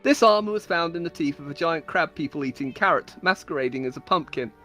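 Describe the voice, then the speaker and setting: A woman with a low-pitched, fairly bright voice performs a playful, mock-solemn dramatic reading of her own scripted comic tales, like a storyteller. She is animated and talks fast, with faint music in the background.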